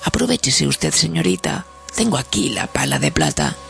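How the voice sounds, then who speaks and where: A man voicing a sly male gravedigger who gently coaxes mourners in a read-aloud story, with a soft, persuasive, teasing manner. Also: fairly low pitch, huge pitch swings, normal speed, gravelly, over loud music, heavily acted. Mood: coaxing.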